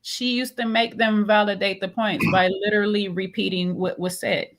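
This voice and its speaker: A woman co-hosting a casual chat, animated and laughing often, acting out both sides of an argument. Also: mid-range voice, moderate pace. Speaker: co-host.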